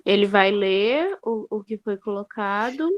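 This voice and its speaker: A woman's voice: medium pitch, lively intonation, measured pace, dull audio. A woman with a mid-range voice, speaking as a student during a lesson. She asks curious follow-up questions to make sure she understands. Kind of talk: classroom questions.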